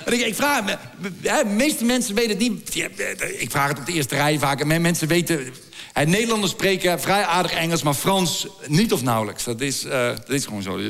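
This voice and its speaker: A middle-aged man doing a stand-up comedy routine for a live audience. He stammers and repeats words as he builds crude, deadpan jokes. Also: a little high, brisk.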